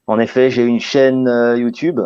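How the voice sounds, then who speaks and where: A man's voice: mid-range voice, flat delivery, a little slow, mellow, highs cut off, a little hiss or hum. A man from France who runs a YouTube channel, introducing himself hesitantly with many fillers. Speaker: guest and YouTuber. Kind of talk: casual self-introduction.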